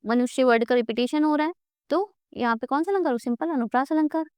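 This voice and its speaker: High, crisp-voiced woman teaching a lesson. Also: quick pace, darkish tone, dry recording, studio quality. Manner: coaxing, asks and answers her own questions; addresses students as "beta". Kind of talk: exam-prep Hindi grammar lesson.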